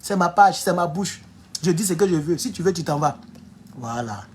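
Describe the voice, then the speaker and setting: Male Ivorian French commentator, casual livestream delivery, animated and mocking, wide swings in loudness. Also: brisk, slight background noise. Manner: animated, laughs often, mocking asides, swings from low mutters to loud outbursts. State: sore back. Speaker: online political commentator. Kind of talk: casual livestream talk reading viewer comments.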